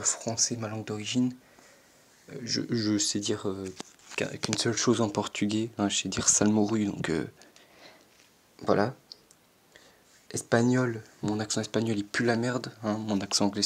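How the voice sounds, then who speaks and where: Young teen boy, low and husky, casual self-mocking commentary full of stammers and fillers. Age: teenager, 14. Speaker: YouTuber answering an online quiz. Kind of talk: casual commentary reading quiz questions aloud.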